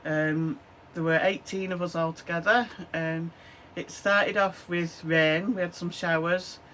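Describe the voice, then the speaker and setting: Rambling and full of "um, so yeah," a Lancashire craft vlogger in her fifties chats to a desk camera framed close in her small craft room, her voice hoarse and broken by a chesty cough. She keeps a measured pace and fairly even intonation in a lowish, slightly bright voice, with slight background noise.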